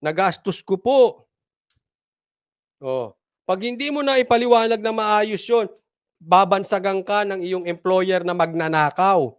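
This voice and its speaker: High-voiced mocking male political commentator. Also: normal speed, clear, resonant tone. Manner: mocking, laughs often, repeats points for emphasis.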